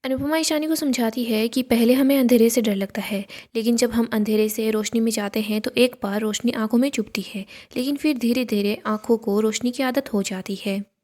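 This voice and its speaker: A woman narrating a recap of a TV serial episode in a steady, even storytelling voice, reading the quoted dialogue without changing her voice. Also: fairly high pitch, moderate pace.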